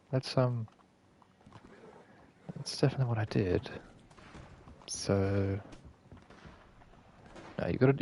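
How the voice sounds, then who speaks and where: A man's voice: mid-range voice, creaky, warm tone. A man streaming a game and explaining a glitch in casual gameplay commentary, rambling and correcting himself and swearing casually. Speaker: gaming streamer.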